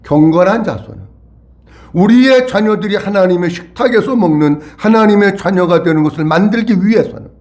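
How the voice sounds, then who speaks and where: A male pastor delivers a sermon in a high, lively voice that leaps up and down in pitch. He preaches with animated force and draws the congregation into call-and-response. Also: brisk.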